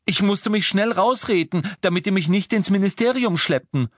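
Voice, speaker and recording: A man's voice: fairly high pitch, big pitch swings, unhurried, fairly bright tone, no echo, voice pushed up, heavily acted. A man doing a defensive young wizard. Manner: pleading, defensive. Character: defensive young wizard, pleading, clumsy joker.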